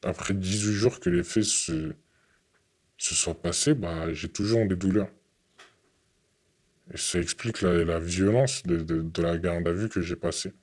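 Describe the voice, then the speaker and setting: Young man, very low voice, halting, repeats words, earnest interviewee. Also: a little mellow. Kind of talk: testimony in an interview.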